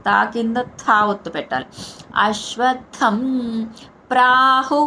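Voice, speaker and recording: Woman, Telugu accent, chanting teacher, unhurried syllable-by-syllable drills, faint hiss behind. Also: a little high, pushed and bright, rough recording. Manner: repeats each syllable, explains stress and long vowels. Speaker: Sanskrit recitation teacher. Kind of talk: slow syllable-by-syllable chanting lesson.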